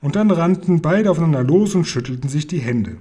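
A man reading a children's novel aloud with calm, measured narration. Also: a little high, breathy edge. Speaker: reader.

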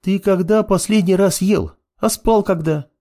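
Audiobook: male reader doing a bossy, teasing young woman, high and pushy. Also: unhurried, dark tone. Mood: worried. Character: playful, insistent young woman, a mage's lover.

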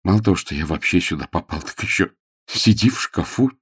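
A man reading aloud, voicing a proud, offended young gentleman who answers coldly. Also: sits low, animated, fairly quick, breathy edge. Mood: sulky. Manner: cold, grumbling, offended. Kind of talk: audiobook character voice.

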